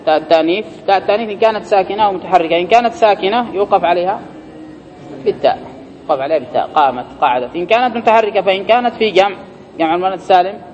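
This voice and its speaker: A man's voice: high-pitched, rapid-fire, a little mellow, slight background noise. Man teaching grammar in a reverberant hall. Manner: reads the text aloud, then explains it and quizzes students. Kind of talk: classroom lecture reading and explaining a text. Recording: dull recording with long hall reverb.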